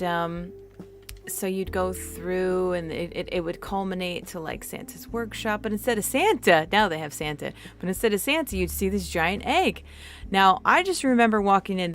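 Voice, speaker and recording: A woman's voice: fairly low pitch, normal speed. A woman from New York chatting casually on a game stream, telling a long story with many restarts and laughs. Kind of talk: casual chat while gaming.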